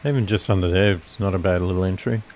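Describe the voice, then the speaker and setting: A man's voice: deep voice, steady tone, fast talker, slight background noise. A man with a nasal voice giving casual live commentary on futures trades, rambling and correcting himself as he explains his setups.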